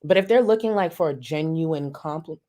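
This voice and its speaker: The woman's voice is low-pitched and warm, and she talks a little fast. During a live stream she reacts to a video and reads super chats aloud, adding sassy, profane, mocking remarks and frequent laughter in casual commentary.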